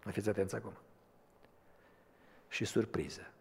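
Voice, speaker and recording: Husky Pentecostal preacher in a reverberant hall. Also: male voice, on the low side. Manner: storytelling quietly, then rising to loud emphatic preaching. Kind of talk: sermon with personal testimony.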